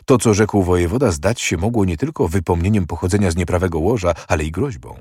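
A man narrating a historical novel in a measured, steady audiobook reading. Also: sits low, breathy edge, no echo, studio quality.

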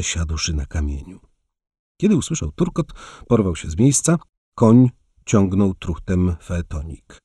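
A man narrating an audiobook story in an expressive storytelling manner. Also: deep voice, breathy edge, no echo, studio quality.

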